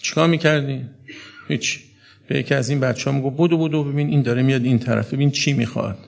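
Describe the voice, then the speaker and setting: A man preaching a mourning sermon, talking straight to his listeners and rising into high, sobbing wails. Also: steady tone, gravelly. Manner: builds to high sobbing wails, speaks to the audience directly.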